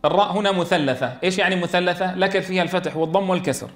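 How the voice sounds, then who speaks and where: A man teaching a class on Quran recitation rules. He quizzes his students and chants verses slowly for them to repeat. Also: high voice.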